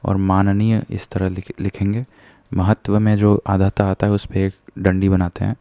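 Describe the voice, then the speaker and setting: A man with a low, gravelly voice explains spelling rules with patient, step-by-step care. His voice stays flat and dark, and he stops now and then to correct himself. It sounds dry and close, with no room echo. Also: moderate pace. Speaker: teacher.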